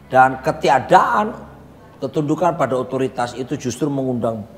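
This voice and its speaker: A man's voice: mid-range voice, lively intonation, normal speed, soft background music. A male pastor teaching in a conversational sermon style, preaching emphatically with his co-host. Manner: emphatic preacher, repeats partner's phrases. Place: coffee lounge. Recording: roomy reverb with faint background hum.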